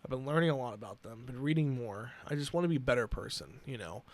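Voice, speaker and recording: A man in his twenties hosting a solo podcast, earnest and emotional, talking haltingly with many restarts. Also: medium pitch, lively intonation, a little mellow. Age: 20s. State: emotional, near tears. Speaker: podcast host. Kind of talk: personal solo podcast talk.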